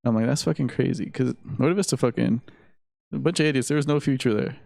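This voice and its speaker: Podcast co-host, 30s man, gravelly voice, dry close sound, loose profane talk. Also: mid-range voice, fast, darkish tone, no room sound. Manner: loose, profane, full of fillers. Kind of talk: casual drunken chat.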